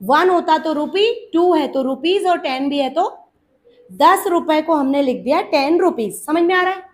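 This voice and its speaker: A woman's voice: high voice, a little slow. A woman teaching an English grammar lesson, patiently repeating points and quizzing her students, whom she calls child.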